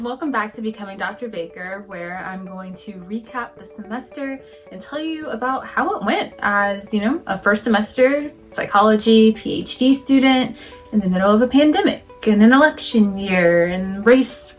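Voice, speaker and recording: A woman's voice: mid-range voice, moderate pace, faint music behind, low-quality recording. A young woman in her twenties with a Southern US accent, chatting casually to camera in an upbeat vlog recap with filler words. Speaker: vlogger and doctoral student.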